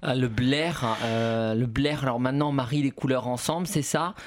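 A man's voice: moderate pace, natural voice. An actor playing an outraged, reactionary man on the street in an improvised radio comedy, ranting and squealing. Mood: indignant. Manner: indignant, ranting, voice jumping to a shrill squeal. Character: outraged reactionary old-fashioned man passer-by.

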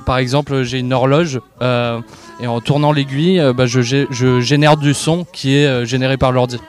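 Young man from southern France, festival radio guest, halting and relaxed, average pitch. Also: faint music behind. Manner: hesitant, many fillers, easygoing laughs. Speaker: guest musician. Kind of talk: live radio interview. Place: outdoor festival park.

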